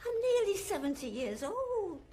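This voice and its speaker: A woman's voice: very high-pitched, big pitch swings, moderate pace, dark tone. An actress playing a blunt, stubborn woman in her sixties. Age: 60s. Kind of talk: sitcom acting.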